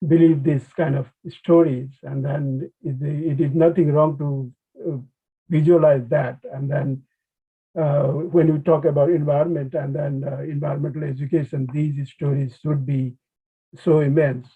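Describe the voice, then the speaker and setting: Speaking in an informal academic webinar, this Nepali-accented conservation biologist keeps a level tone in his slightly high, raspy voice. He hesitates and restarts often, his delivery halting, and the video-call audio sounds thin, like a phone line.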